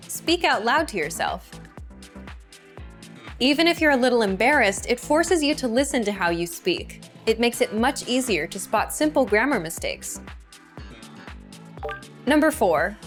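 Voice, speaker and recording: A woman giving scripted language-learning tips in an upbeat presenter delivery. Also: fairly high pitch. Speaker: language teacher. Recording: light background music.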